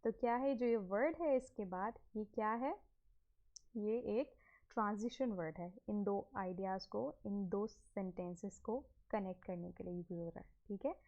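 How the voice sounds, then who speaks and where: A woman's voice: mid-range voice, normal speed, a little mellow, dull audio. A woman, teaching from slides, mixing English phrases into Urdu and asking and answering her own questions. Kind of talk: explaining a slide lesson.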